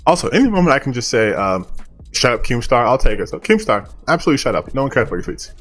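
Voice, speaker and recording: A man's voice: medium pitch, big pitch swings, very fast, faint music behind. A male online commentator talking casually and bluntly, dismissive and opinionated, with some casual swearing.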